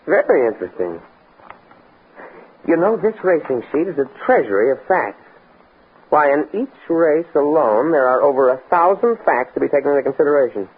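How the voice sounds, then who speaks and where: An actor playing an earnest, stuffy young academic in an American radio drama, speaking precisely and pedantically with an American accent. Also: male voice, fairly high pitch, lively intonation, normal speed, husky, phone-quality sound. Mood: fascinated. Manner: precise, bookish, stammers when flustered. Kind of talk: mid-century American radio drama acting. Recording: scratchy, band-limited old radio recording with noise.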